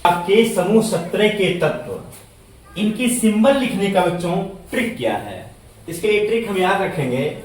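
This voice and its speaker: A man teaching a chemistry lesson to students, speaking slowly, repeating words, spelling them out letter by letter and answering his own questions. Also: sits high, animated, far from the mic. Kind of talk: classroom lecture. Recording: echoey room, voice set back from the mic.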